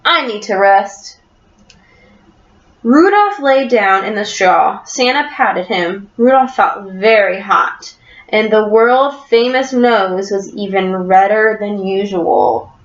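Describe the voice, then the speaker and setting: A woman teacher reading a story aloud in class and encouraging a student with quick questions, recorded on a computer webcam in a classroom. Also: medium pitch, animated. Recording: echoey room, dull lo-fi sound.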